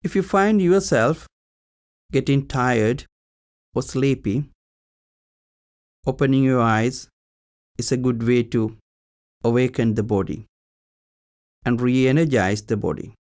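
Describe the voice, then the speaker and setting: A man guides a meditation as its teacher, his voice pitched in the middle range. He gives short, calm instructions separated by long pauses.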